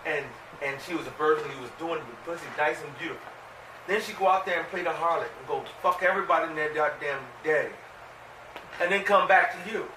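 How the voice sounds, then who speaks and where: A man leading a bible study, reading scripture aloud and commenting in a loud, animated, profane way. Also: a little high, fast. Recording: roomy room, distant mic, background noise.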